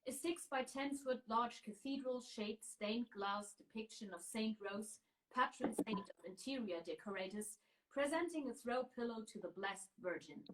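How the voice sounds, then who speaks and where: Lady reading a book out loud, steady, kinda high voice. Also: a little slow, slight background noise, poor audio. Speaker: reader. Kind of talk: reading a novel aloud.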